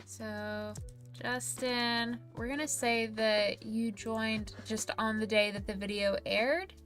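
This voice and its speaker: A woman streamer chats casually on a livestream and reads viewer comments aloud with easy giggles. Her voice is bright and sits a little high, and she takes her time. Faint music plays underneath. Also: flat delivery, takes it slowly. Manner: chatty and giggly, reading viewer messages aloud.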